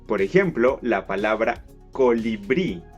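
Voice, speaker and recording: A man's voice: lowish voice, lively intonation, takes it slowly, dull audio, faint music behind. A man teaching casually, stretching words out syllable by syllable to show how they sound. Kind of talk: casual explainer lesson.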